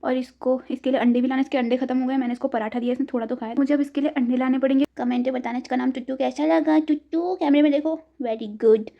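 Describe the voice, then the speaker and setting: A woman's voice: fairly even intonation, fast, vocal fry, few pauses, lo-fi sound. A young woman from India chatting casually to her viewers while she cooks at home, joking about herself and coaxing her cat. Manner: chatty, self-mocking, talks to her cat in a high coaxing voice. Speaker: vlogger. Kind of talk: casual home vlog chat. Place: home kitchen.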